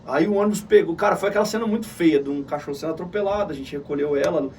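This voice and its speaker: A middle-aged man with a southern Brazilian Gaúcho accent, telling an emotional personal story as an interview guest in an animated way. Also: on the high side, racing, recorded from a distance, slight background noise. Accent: Gaúcho Brazilian Portuguese. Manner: animated, calls the listener "cara" often.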